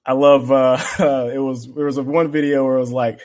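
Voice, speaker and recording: A young man co-hosting a podcast, chatting casually and acting out bits of stories with lively swings in voice. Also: mid-range voice, a little fast. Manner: animated storytelling, acts out quotes. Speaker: podcast co-host. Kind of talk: casual chat.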